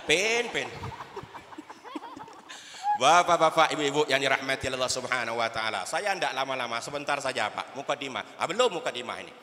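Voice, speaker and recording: A man's voice: medium pitch, sharp tone, a little hiss or hum. A middle-aged man from Sumatra giving a humorous sermon, telling jokes and stories. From Sumatra (Bangko, Jambi). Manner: joking, storytelling, mixing in Javanese. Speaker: preacher. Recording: echoey hall from a distance.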